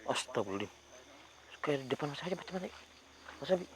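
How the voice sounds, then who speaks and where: A man, hosting a ghost-hunting video outdoors at night, talking in a hushed voice that turns into loud, urgent calls. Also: fairly high pitch, big pitch swings, quick pace, noisy background. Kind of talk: hushed on-location paranormal narration.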